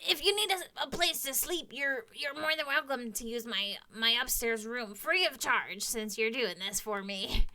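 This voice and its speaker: A woman voicing a friendly male kobold who offers his room, speaking with halting repeats. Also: a little high, pushed and bright. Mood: generous. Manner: hospitable, halting.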